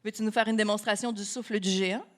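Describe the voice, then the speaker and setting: A woman's voice: medium pitch, steady tone, fast. A woman with a Québécois French accent reading a story to children at storytime, playful and chatty with her audience. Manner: playful, asks the children questions, laughs often. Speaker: storytime reader.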